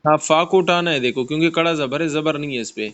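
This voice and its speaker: A man with a fairly high, slightly bright voice teaches Quran recitation in an online tajweed class. He patiently corrects pronunciation one step at a time, heard over a video call.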